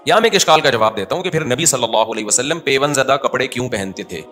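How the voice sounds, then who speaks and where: A man's voice: medium pitch, lively intonation, fairly bright tone, faint music behind. A man giving a conversational sermon in a mosque. He asks the crowd questions and answers them himself. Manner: scolds listeners who look away. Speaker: mufti giving a mosque lecture.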